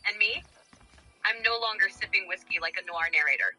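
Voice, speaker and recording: A woman's voice: mid-range voice, fairly quick, bright, forceful tone, faint music behind, poor audio. A woman's voice as a chatbot companion, giving theatrical scripted replies in a sassy, profane, dramatic manner.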